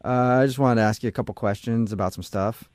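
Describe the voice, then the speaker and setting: A man's voice: mid-range voice, steady tone, fast, a little mellow, no echo, clean studio sound. A male morning radio host, playful and teasing, interviewing callers.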